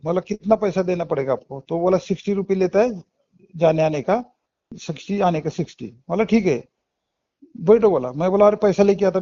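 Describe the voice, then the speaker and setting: Middle-aged man with a Marathi-influenced Hindi accent, high mellow voice, gives a heartfelt testimony. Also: vocal fry. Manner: earnest, emotional storytelling with frequent restarts. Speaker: devotee sharing a testimony. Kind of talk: personal spiritual testimony. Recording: dull lo-fi recording.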